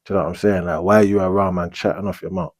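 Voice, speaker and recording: A young man in his twenties with a London street accent, telling a long prison story in relaxed slang, often checking in with "you get me?". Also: sits low, very fast, no echo. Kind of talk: storytelling monologue.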